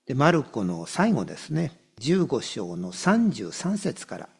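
A male pastor delivers a sermon in a gravelly, husky voice that sits a little high for a man. His pitch swings widely as he reads scripture and explains it. He repeats key phrases and slows right down on the words that matter. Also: huge pitch swings.

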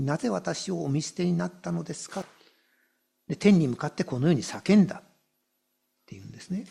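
A male pastor delivers a sermon in a gravelly, husky voice that sits a little high for a man. His pitch swings widely as he reads scripture and explains it. He repeats key phrases and slows right down on the words that matter. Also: a little mellow.

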